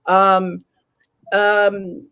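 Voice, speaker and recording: A woman moderates an online panel over a video call. She sounds lively and laughs easily, often stumbling and restarting her sentences as she hands the floor to others. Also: mid-range voice, extremely slow, clean tone.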